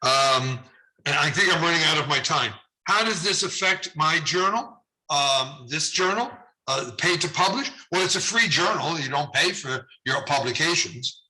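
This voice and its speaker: A man's voice: on the high side, expressive, moderate pace, bright, forceful tone, poor audio. A middle-aged man, a journal editor, rambling chattily in a recorded conference talk while losing his voice. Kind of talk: prerecorded conference video talk.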